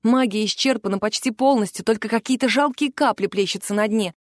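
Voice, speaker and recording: A woman narrates a first-person fantasy audiobook with an expressive, emotional read. Her voice sits fairly high. The recording is dry and close, with no room sound. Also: fairly quick, no echo.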